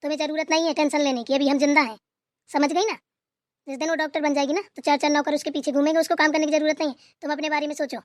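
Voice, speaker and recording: Woman voicing a stern cartoon grandma, high voice, bossy and scolding, dry sound. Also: level tone, racing, no room sound, natural voice. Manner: scolding, domineering.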